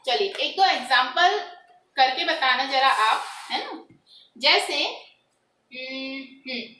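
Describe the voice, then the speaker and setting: A woman with a high voice teaches a grammar lesson, moving slowly through each step. She puts questions to her students and answers them herself. She sounds a little far off, with room echo around her. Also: bright, forceful tone. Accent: Hindi.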